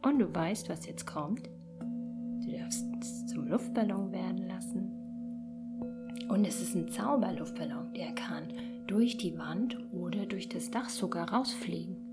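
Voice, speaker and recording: A woman hosting a podcast and gently guiding a children's sleep meditation in a soft, whispery voice. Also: fairly low pitch, lively intonation. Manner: soft slow whispered guidance. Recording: meditation music and singing bowls behind.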